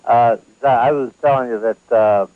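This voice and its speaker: A man in his fifties calling in to a radio talk show over his landline phone, speaking haltingly with many hesitations. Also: medium pitch, steady tone, no room sound. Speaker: caller. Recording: tinny noisy phone line.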